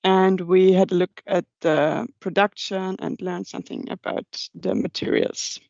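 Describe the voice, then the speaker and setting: Her voice sits on the low side here, gravelly and darkish but steady, as she presents slides informally to a young engineers' group in an online meeting. She speaks haltingly in non-native English, and the call audio is dull and slightly muffled, with no room sound.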